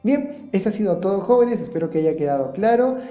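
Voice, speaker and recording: A man teaching an online school class, often checking in with the listener and pausing on fillers. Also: high voice, lively intonation, dark tone. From Peru. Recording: roomy sound with faint background music.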